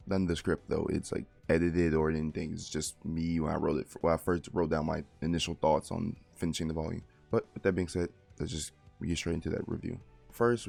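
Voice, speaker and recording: A light novel reviewer who has just woken up gives a casual spoken book review in a very low, gravelly morning voice that's deeper than usual and a little mellow. He's informal and rambling, often correcting himself as he goes.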